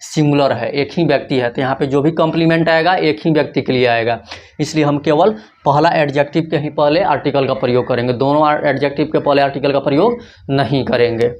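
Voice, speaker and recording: A man's voice: on the high side, fairly even intonation, fairly quick, darkish tone, dull audio. Man teaching grammar in a raised voice. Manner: asks questions and answers them himself, repeats key points. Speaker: English teacher. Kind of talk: classroom grammar lesson.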